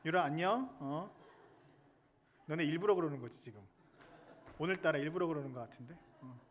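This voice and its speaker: High-voiced male chaplain, lively sermon, chats with the kids in the pews. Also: moderate pace, a little hiss or hum. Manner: lively, chatty, jokes with the children in the pews. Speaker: military chaplain pastor.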